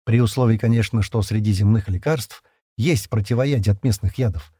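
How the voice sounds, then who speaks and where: A man narrating an audiobook chapter in a measured storytelling manner. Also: on the low side, mellow, breathy edge, no echo, studio quality. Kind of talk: scripted narration.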